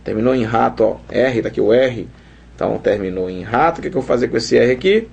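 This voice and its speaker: In a muffled recording, a man speaks quickly in a medium-pitched voice that's gravelly and a bit rough. His Portuguese grammar video lesson is lively and casual, addressing the viewer head-on and playfully acting out student questions.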